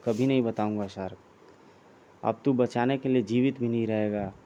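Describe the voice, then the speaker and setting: A man's voice: medium pitch, steady tone, normal speed, dark tone, dull audio, slight background noise, natural voice. A man reading aloud the lines of a boastful, mocking male demon warlord from a comic. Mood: gloating. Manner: mocking, boastful, laughing menacingly.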